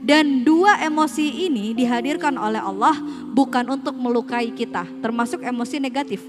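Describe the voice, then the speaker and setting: A woman's voice: high voice, normal speed, music in the background. A woman on a school's staff giving a casual parenting seminar, speaking straight to parents and asking them rhetorical questions. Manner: conversational, mixes casual slang. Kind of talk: parenting seminar talk with slides.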